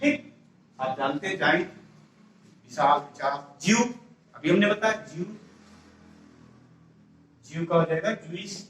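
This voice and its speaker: A man teaches an English grammar lesson, working through it step by step, repeating key words and asking the class rhetorical questions. His voice sits high. He is recorded from a distance in a very echoey room. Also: a little slow, long pauses, a bit bright, slight background noise.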